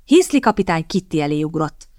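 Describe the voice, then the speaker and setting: Brief: woman audiobook narrator, low and even, close dry studio sound. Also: no room sound. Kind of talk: scripted narration.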